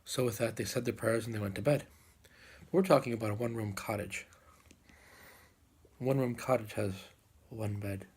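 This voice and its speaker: A man telling a folk tale aloud as a live storyteller, unhurried, with dramatic pauses and repeated phrases. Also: lowish voice, a little mellow, husky.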